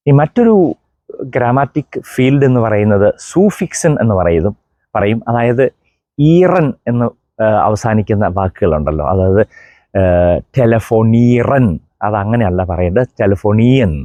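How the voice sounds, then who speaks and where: A middle-aged priest from Kerala giving a German pronunciation lesson, spelling out contrasting sounds and repeating examples slowly. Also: male voice, fairly low pitch, lively intonation, mellow, no room sound. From Kerala, India. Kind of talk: explanatory language lesson.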